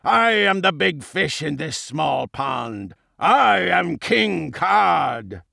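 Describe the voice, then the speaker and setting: A man voicing a huge, cruel, bullying fish king in an audiobook, with a gravelly bellow and a slow, menacing, gloating delivery. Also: fairly high pitch, very animated, bright, forceful tone, dry recording, studio quality, exaggerated voice. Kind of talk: audiobook character voice.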